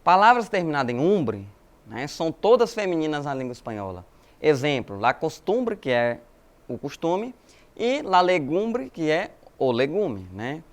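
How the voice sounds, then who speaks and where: Higher-voiced Brazilian man teaching. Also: sing-song, unhurried. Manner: explanatory, addresses students as galerinha, frequent né tags. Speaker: Spanish teacher. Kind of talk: recorded video lesson.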